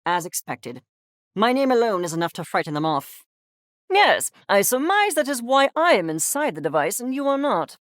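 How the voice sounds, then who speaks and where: In a piece of video game character acting, a woman voices a haughty, eccentric furry creature scientist with verbose, condescending theatricality and exact articulation. Her fairly high voice is very animated at a moderate pace, intense and fascinated. Studio quality, no room sound.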